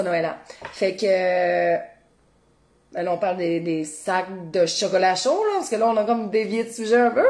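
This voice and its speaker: A woman's voice: medium pitch, darkish tone. A Québécois woman hosting a cooking livestream, chatting casually and expressively, addressing viewers and reading their comments, with a casual swear now and then. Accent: Québécois French. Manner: talks straight to viewers, reads their comments. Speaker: cooking show host.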